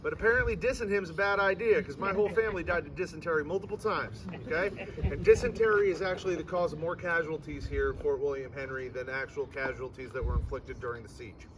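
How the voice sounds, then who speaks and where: Outdoors in a fort courtyard, a man works as a ghost tour guide, spinning animated stories for his group with irreverent humour and theatrical emphasis. His voice is a little high and quick, with hardly any pauses. The mic is distant and the outdoor ambience is noisy.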